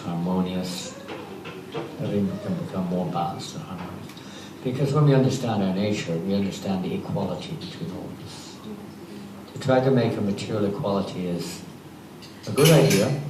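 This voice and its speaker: A man giving an informal spiritual class in a temple hall, talking in a conversational, rambling way with restarts and chuckles. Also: sits low. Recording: roomy hall audio from a distance, noisy.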